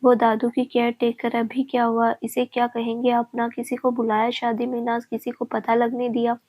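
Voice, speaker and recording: A woman's voice: on the high side, monotone, normal speed, a little mellow, natural voice. A woman voicing a playful young man, the hero's cousin, in a storybook reading, teasing and chatty. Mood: complaining.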